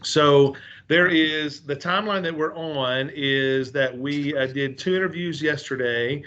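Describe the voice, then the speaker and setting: A man's voice: a little high, measured pace, a bit bright. Hesitant man on dull video-call audio. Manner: hesitant, repeats words, many uhs. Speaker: school board chair. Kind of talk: formal video-call interview.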